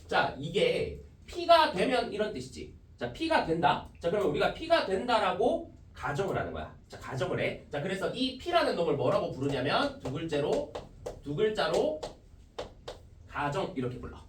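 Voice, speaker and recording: A man's voice: high voice, huge pitch swings, measured pace, slight background noise. A male math teacher giving a classroom lecture, explaining step by step and opening nearly every phrase with a short "ja". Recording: echoey classroom, mic from a distance.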